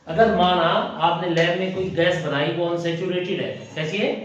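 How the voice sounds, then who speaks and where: A man teaching a chemistry class, quizzing his students with quick questions. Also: high-pitched, fairly even intonation, a little hiss or hum. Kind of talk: classroom lecture. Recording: echoey muffled room from far off.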